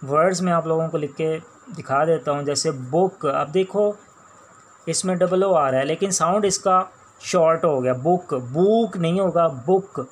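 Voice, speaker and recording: A man with a Pakistani accent teaching a shorthand class, explaining each sound slowly and repeating words as he writes them out. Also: a little high, slight background noise. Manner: slow, patient, repeats each sound and word. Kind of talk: classroom lecture while writing on a board.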